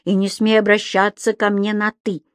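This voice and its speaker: A woman voicing a pompous, irritable male senior schoolteacher who scolds and shouts in a storybook reading. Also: mid-range voice, little pitch movement, moderate pace, dry recording, clean studio sound, natural voice. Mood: stern. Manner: stern, shouting, indignant.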